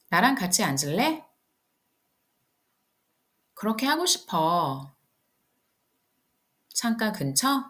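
Woman from Korea, English tutor, low pitch, very slow and animated delivery of practice phrases. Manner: explains in Korean, reads English lines slowly and clearly. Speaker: English teacher. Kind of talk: English pronunciation lesson.

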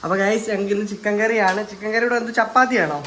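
Filming his partner as she cooks in their home kitchen, a family vlogger chats and rambles casually, mixing English words into his speech. He sounds high-pitched, rapid-fire, and a bit bright, and there is slight background noise.

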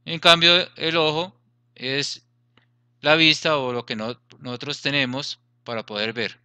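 Slow, bright-voiced male teacher. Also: a little high, fairly even intonation, smooth, dry recording. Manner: patient, repeats and checks students follow. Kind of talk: grammar lesson explanation.

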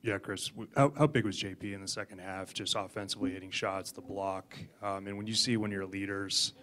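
Low, flat-voiced male reporter. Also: a little fast, slight background noise. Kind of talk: press conference question.

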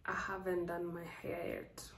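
A young Rwandan woman vlogs casually to her phone camera in small indoor rooms, speaking with a Rwandan accent. Her lowish, fairly bright voice carries vocal fry and a completely flat delivery at a moderate pace. The recording has a roomy echo and faint background noise.

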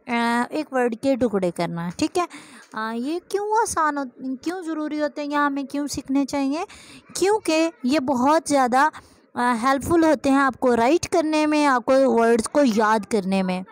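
A woman teaching a grammar lesson, explaining step by step and slowly dictating example sentences. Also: sits high, animated, dry recording.

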